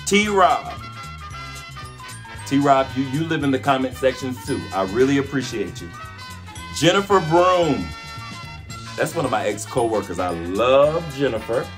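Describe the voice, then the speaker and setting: A man's voice: mid-range voice, animated, a little slow, long pauses. A man hosting a cooking channel, casually calling out names in a playful, chatty vlog giveaway. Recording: music playing behind the voice.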